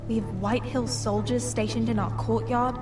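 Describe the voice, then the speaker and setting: Woman acting an earnest, worried young noblewoman, highish voice. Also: level tone, normal speed, far from the mic, over music, close to an everyday voice. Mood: anxious, urging. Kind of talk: video game voice acting.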